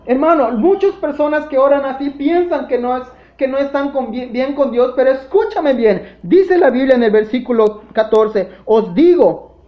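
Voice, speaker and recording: A man's voice: very high voice, normal speed, reverberant, highs cut off. A man preaching a sermon as pastor, with an impassioned delivery that keeps addressing the congregation directly. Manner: impassioned preaching, often calling out "hermanos". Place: church.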